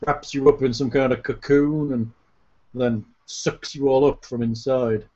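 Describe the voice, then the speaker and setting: A man's voice: medium pitch, steady tone, unhurried, dark tone, muffled recording, natural voice. A man voicing a frightened, paralysed male expedition survivor with a Yorkshire accent, speaking in a plaintive, worried way. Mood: fearful.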